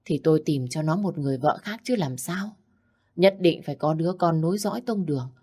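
A woman's voice: sits low, brisk, mellow, breathy edge. A woman doing a scheming, nagging stepmother. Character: scheming middle-aged stepmother, shrill and nagging.

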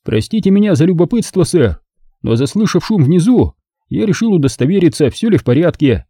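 A man's voice: a little high, very animated, a little fast, warm tone, breathy edge, no echo, clean studio sound, voice pushed up, heavily acted. A man voicing a formal middle-aged butler who speaks with unsmiling politeness. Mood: deadpan.

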